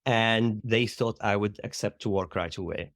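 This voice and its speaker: Interview guest: Syrian-accented man, middle-aged, low and reflective, lots of "like" and "right?". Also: moderate pace, a bit bright, no room sound, studio quality. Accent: Syrian Arabic. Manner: reflective, uses "like" and "right?" often. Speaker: guest, theater educator. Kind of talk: conversational interview.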